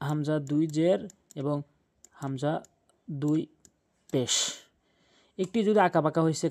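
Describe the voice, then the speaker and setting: A man teaching Quran recitation in a slightly high, mellow, dark voice. He goes over each rule again and again and spells the letters out one by one. Now and then he stretches a recited word out long. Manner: drawls the recited Arabic words. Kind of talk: tajweed lesson over a screen drawing.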